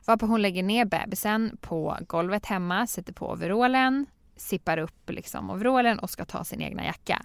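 A young woman podcast host chatting casually, telling lively stories and laughing often. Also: medium pitch, smooth, no echo, clean studio sound. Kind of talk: casual chat.

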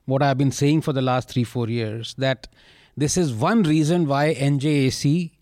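A man's voice: medium pitch, normal speed, darkish tone, no room sound, clean studio sound. A man arguing emphatically in a panel discussion, repeating points and giving spoken examples.

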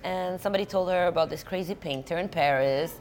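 A woman who grew up in Denmark, a painter chatting as an interview guest over lunch, lively with frequent laughs and restarts. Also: on the low side, fast talker. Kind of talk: casual interview chat.

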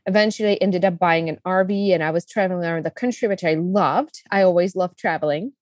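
A business coach in her thirties from the Czech Republic talks fast in a low-ish, slightly mellow voice with a Czech accent. As an interview guest, she tells her story casually, enthusiastically and with lots of fillers. The studio sound is clean, with no room sound.

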